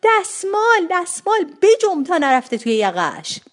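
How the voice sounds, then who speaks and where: A woman voicing a bossy, flustered middle-aged mother who scolds and gives orders in a shrill, commanding voice. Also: huge pitch swings, full character voice. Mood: alarmed.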